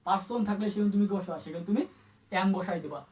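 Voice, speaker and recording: A high-voiced man rattles through an exam-prep grammar lesson at a brisk clip, quizzing his students over and over. He sounds a little distant from the mic, and the recording is dull. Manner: quick, repetitive, asks the student questions. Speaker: English tutor.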